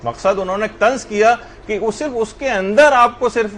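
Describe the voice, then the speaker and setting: High-voiced man giving an earnest lecture. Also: a bit bright, slight background noise. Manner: earnest, repeatedly addressing students directly. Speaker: religious teacher. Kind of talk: classroom lecture on prayer.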